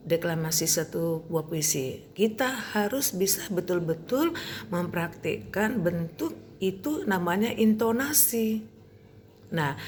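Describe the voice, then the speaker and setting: A woman teacher from Indonesia gives a recorded lesson in a somewhat low voice. She explains steadily, tagging her points with small fillers. A faint noise runs under the recording. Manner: steady explaining, frequent "nah" and "ya" tags. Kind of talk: recorded lesson for pupils on reciting poetry.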